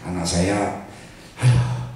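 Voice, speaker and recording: An older man preaching a lively, joking sermon to a church congregation, slipping in English and Chinese words. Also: deep voice, slow pace, slight background noise. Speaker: pastor. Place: church hall. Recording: echoey hall from far off with congregation. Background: congregation laughing.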